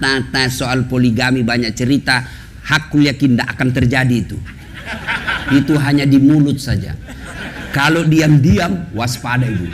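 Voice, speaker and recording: A man's voice: on the high side, noisy background. A male preacher giving a humorous sermon, teasing and addressing the women in his audience directly. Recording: echoey hall with faint ambience.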